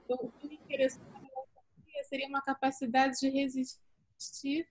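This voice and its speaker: A woman's voice: high-pitched, level tone, normal speed, no room sound. A woman, an artist and academic, speaks thoughtfully and searches for her words as her call audio glitches and cuts in and out. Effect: glitchy audio cutting in and out. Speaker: artist and academic, interview guest. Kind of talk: reflective casual conversation.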